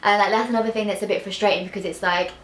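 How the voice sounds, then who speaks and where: Speaking very fast with fairly even intonation, the young English vlogger opens up to camera, stuttering on repeated sounds and words and using many fillers like "like." Her voice is mid-pitched. The small bedroom echoes clearly, with slight background noise.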